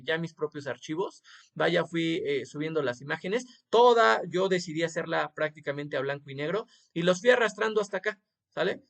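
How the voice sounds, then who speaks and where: High, gravelly-voiced man teaching. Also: a bit bright. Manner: informal, addresses student directly with tag questions. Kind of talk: screen-recorded tutorial lesson.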